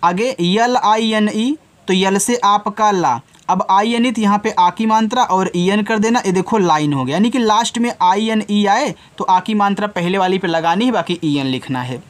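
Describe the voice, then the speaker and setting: A man's voice: high-pitched, moderate pace, few pauses. A man teaching children, spelling out words letter by letter and answering his own questions. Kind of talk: spelling and explaining lesson.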